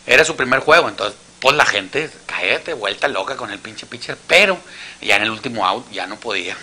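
Mexican guy telling dirty jokes, voice jumps all over, really bright sharp tone. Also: fairly low pitch, animated, moderate pace, slightly rough. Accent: Mexican Spanish. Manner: crude slang, acts out every character. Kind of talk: joke telling, casual storytelling.

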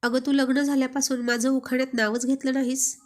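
A teasing young husband coaxes his wife over and over, voiced by a woman reading a storybook aloud. He is playful and insistent, with a fairly high voice. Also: level tone, brisk, natural voice. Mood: teasing, coaxing. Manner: teasing, coaxing.

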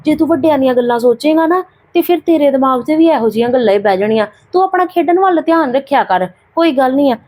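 A woman's voice: high voice, lively intonation, fast talker, hardly any pauses, a little mellow. Woman playing a weary, put-upon young aunt. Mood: complaining. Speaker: actor in a family drama. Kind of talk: amateur drama acting.

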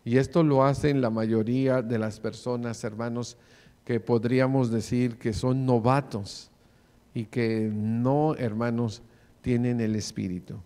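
A man's voice: medium pitch, fairly even intonation, unhurried, mellow. Man preaching in a reverberant church. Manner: preachy, calls listeners brother often. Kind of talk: sermon. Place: church sanctuary, in front of the pulpit.

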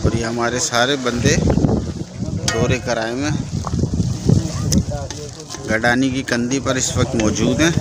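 Excited fishing vlogger, roaring wind. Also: male voice, mid-range voice, slow, pauses often. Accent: Karachi Urdu. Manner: calls out catches to viewers. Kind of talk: handheld fishing vlog commentary. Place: rocky seashore at night, outdoors. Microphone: phone camera held in hand. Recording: loud wind on the phone mic.

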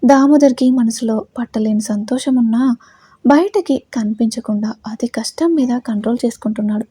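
A woman narrating a romance story in a steady storytelling reading. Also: on the high side, normal speed, breathy edge, no echo.

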